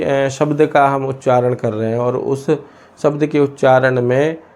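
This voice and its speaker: A man teaching a lesson from India, pausing often and asking questions he then answers himself. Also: mid-range voice, a little mellow. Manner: asks and answers his own questions, many hesitations. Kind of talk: explaining a lesson.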